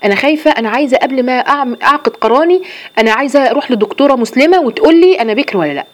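A woman voicing an anxious young woman who speaks in a hushed, worried way. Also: high-pitched, expressive, racing.

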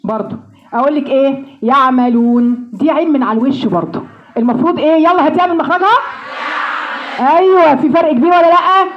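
A woman with an Egyptian accent teaching Quran recitation, drilling sounds slowly and joking with homely comparisons. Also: high voice, muffled recording, a crowd in the background, noisy background. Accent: Egyptian Arabic. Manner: playful, homely comparisons, slow drawn-out model sounds. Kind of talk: pronunciation lesson with drills.

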